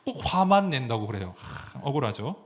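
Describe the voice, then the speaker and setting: A man's voice: medium pitch, very animated, normal speed. A man, a pastor, preaching a sermon, asking the congregation questions as he goes.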